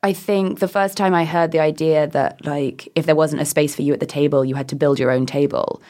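A woman's voice: low-pitched, steady tone, brisk, darkish tone. A woman with a modern British Received Pronunciation accent, chatting reflectively in a hesitant, self-deprecating, digressive way as an interview guest. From England. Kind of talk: casual reflective conversation.

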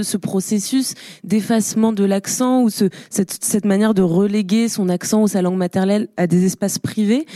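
A woman's voice: mid-range voice, mellow, no echo, studio quality. A woman hosting an interview, framing questions thoughtfully with hesitant phrasing. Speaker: host.

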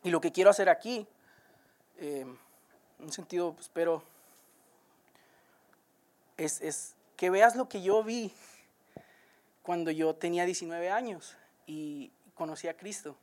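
A woman preaching, her voice sitting fairly low. She speaks to the congregation earnestly and directly, repeating key words as her points build. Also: slow, long pauses. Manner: earnest and direct, addressing listeners as "tú". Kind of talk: sermon.

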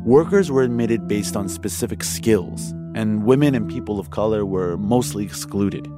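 A man's voice: fairly low pitch, animated, normal speed. A man hosting and narrating a documentary in a scripted storytelling style. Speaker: host and narrator. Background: music.

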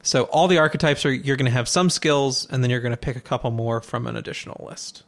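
Guy running a tabletop game, dry teasing tone, mid pitch. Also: fast talker. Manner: dry, teasing while explaining rules. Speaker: game master.

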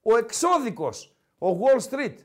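A man with a Greek accent hosting a casual sports talk podcast, who teases his co-host and keeps repeating his name. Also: very high-pitched. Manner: teasing, animated, repeats the co-host's name.

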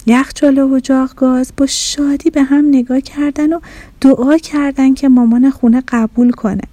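A woman narrating a children's story in an expressive, animated storytelling manner, recorded close on a studio mic. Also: high-pitched, no room sound.

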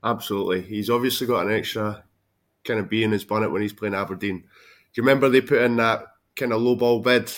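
Male panellist, moderately low voice, informal football analysis for a podcast. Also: fairly even intonation, quick pace.

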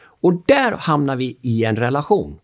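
A man, a father, explaining relationship roles in an animated chat, acting out quotes and laughing often. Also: mid-range voice. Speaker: speaker on the drama triangle, a father.

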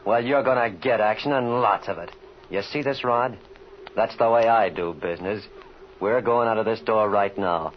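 An actor playing a cocky, mocking gang boss who talks tough gangster slang in a 1930s radio serial. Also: male voice, on the low side, moderate pace, close to an everyday voice. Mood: menacing. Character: cocky, sneering male gang boss with a gun. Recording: muffled, hissy vintage radio recording.

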